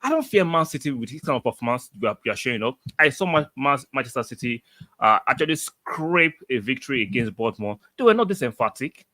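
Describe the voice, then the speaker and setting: A man's voice: medium pitch, big pitch swings, quick pace, sharp tone, no room sound. Emphatic man hosting a football reaction stream. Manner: emphatic and repetitive, reads out viewer comments. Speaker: football fan livestream host. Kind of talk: excited match reaction livestream.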